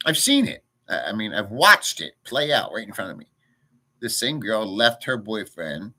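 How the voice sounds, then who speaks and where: Very animated yet at normal speed, a man with a voice on the low side sounds pushed and bright. He hosts a casual livestream from his rural provincial home, rambling through crude, blunt rants and answering chat.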